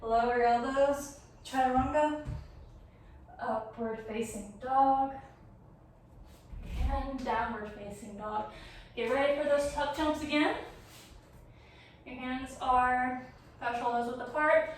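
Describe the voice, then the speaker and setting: A woman's voice: high-pitched, slow, pauses often. A young woman teaching a vinyasa yoga class, encouraging and a little out of breath. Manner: encouraging cues, light laughs. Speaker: yoga instructor. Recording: echoey room, far from mic, faint noise.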